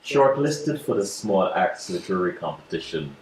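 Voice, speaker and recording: Deep-voiced man interviewer, roomy sound. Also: sing-song, normal speed, slight background noise. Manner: enthusiastic, encouraging. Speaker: interviewer host. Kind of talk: interview questions.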